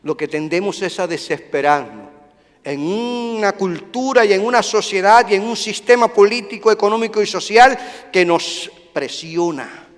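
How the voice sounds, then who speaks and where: A male pastor preaching a sermon, moving between loud declarations and hushed, soft passages. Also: high-pitched, moderate pace, in a large hall.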